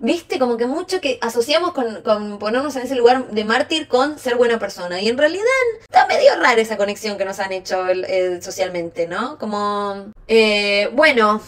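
A woman's voice: a little high, expressive, normal speed. A young woman with a Rioplatense Spanish accent giving frank, slangy advice to her chat on a casual live stream.

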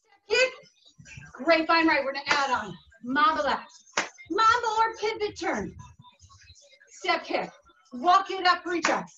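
A woman's voice: very high-pitched, expressive, measured pace, long pauses, noisy background. A young woman working as an aerobics instructor, calling out short, encouraging workout cues and whoops with lots of energy as she exercises in a living room. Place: carpeted living room at home. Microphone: camera across the room. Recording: distant mic, dull sound, music behind. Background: workout music.

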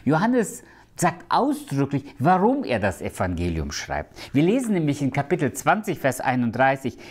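A man preaching a sermon. He speaks with emphasis, slows down to quote scripture and sometimes drops to a hushed tone. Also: mid-range voice, wildly swooping pitch.

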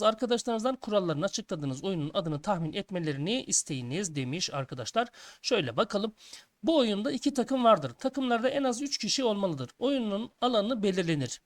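A man teaching a schoolbook lesson for children, reading each task aloud and then explaining it to his young listeners. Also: high voice. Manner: addresses listeners as friends, reads tasks aloud then explains.

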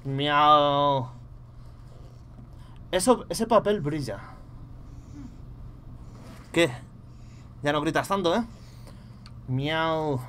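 A young man with a Spain Spanish accent, commentating a horror game live, muttering to himself and bursting into loud startled swearing. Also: on the high side, animated, takes it slowly, pauses often, slight background noise. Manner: mutters quietly to himself between outbursts. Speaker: gaming streamer.

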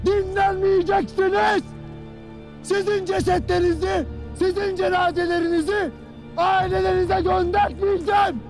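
A furious army commander, shouting. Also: male voice, very high-pitched. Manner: shouting, harsh, relentless. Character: stern male army commander berating his troops. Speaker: military commander. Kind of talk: dramatic film acting.

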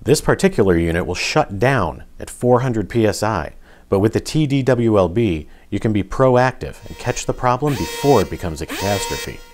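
A man reading scripted narration for a product video in a smooth, even promotional delivery. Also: lowish voice, moderate pace, faint music behind.

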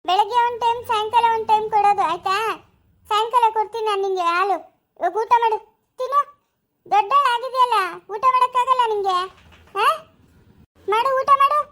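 A woman's voice: very high voice, normal speed, long pauses, bright, forceful tone. A woman with a rural Chikkaballapura Kannada accent plays a stern caretaker who keeps ordering a crying little girl to eat. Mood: scolding. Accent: rural Kannada of the Chikkaballapura area. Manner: scolding, insistent, repeating orders. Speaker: orphanage caretaker. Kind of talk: amateur family drama acting.

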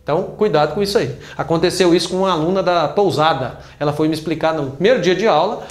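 A man's voice: a little high, quick pace. A man with a Brazilian Portuguese accent teaching an English grammar lesson, patiently repeating points with examples. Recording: roomy echo.

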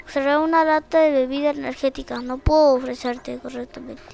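A woman's voice: sits high, flat delivery, fairly quick, creaky. A woman reading out the lines of a robot market trader in a video game, in a plain voice. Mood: salesy. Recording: game music playing behind.

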